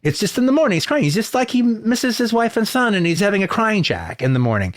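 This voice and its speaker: A man's voice: high-pitched, big pitch swings, fast, dry recording, studio quality. A man co-hosting a podcast, talking films in a rambling, emphatic way, with quoted asides. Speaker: podcast co-host. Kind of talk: casual film discussion.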